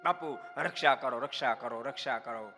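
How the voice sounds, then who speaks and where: A man's voice: mid-range voice, moderate pace, voice pushed down, natural voice. A man voicing a frightened male servant who begs his master to save him, pleading in panic. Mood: panicked pleading. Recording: reverberant hall, faint music.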